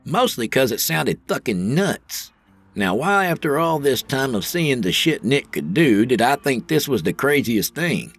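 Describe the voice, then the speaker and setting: A man's voice: medium pitch, unhurried, breathy edge. A man narrating an audio drama in the first person, wry and colloquial. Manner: wry, colloquial storytelling with animated swings.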